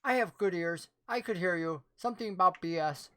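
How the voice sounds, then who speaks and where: A woman voicing a tiny, friendly female gnome tinkerer with a squeaky, pixie-like little voice. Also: fairly quick, a bit bright, close to an everyday voice. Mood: matter-of-fact.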